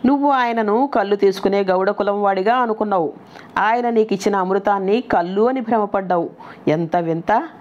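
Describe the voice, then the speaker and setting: A woman voicing a kind elderly male sage who gently instructs a disciple in a devotional story. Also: mid-range voice, moderate pace, natural voice. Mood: gently instructive. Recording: dull lo-fi recording.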